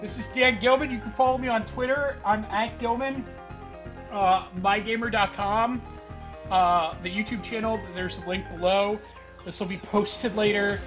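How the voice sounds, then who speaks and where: A man hosting a casual podcast chat, excitable and joking loudly with lots of swearing. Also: sits high, moderate pace. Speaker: podcast host. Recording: distant mic, loud music and crowd.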